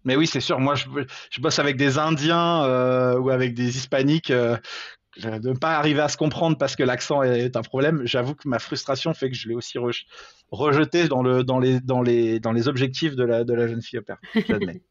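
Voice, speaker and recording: A man's voice: mid-range voice, steady tone, fairly quick, no echo. A man, a father, talking as an interview guest in a casual, hesitant way, with many fillers and restarts, and poking fun at himself now and then. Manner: self-deprecating, laughs at himself. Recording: slightly dull lo-fi sound.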